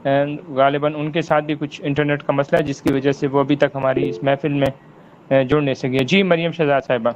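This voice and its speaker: A man hosting an online literary forum, polite and formal, pausing often with fillers. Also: on the high side, flat delivery, dull audio, a little hiss or hum. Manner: hesitant, polite, many fillers.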